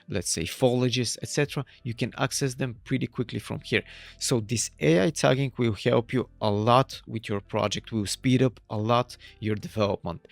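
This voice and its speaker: A native Bulgarian speaker from Bulgaria, a man with a medium-pitched voice, walks step by step through a software tool in a relaxed, screen-recorded tutorial. His phrasing is slightly non-native, and there's no echo.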